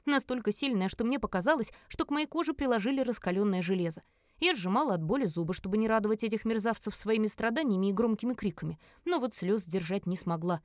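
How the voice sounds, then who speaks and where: A woman narrates a first-person fantasy novel with an expressive, dramatic reading. Her voice sits at an ordinary pitch. The recording is dry, with no room sound. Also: quick pace, dry recording. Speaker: audiobook narrator.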